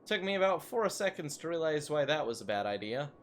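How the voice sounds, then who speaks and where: A man's voice: on the high side, big pitch swings, a little fast, a little hiss or hum. A young man casually commenting while playing a city-building game, chatty and self-mocking, rambling into asides. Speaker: gaming YouTuber.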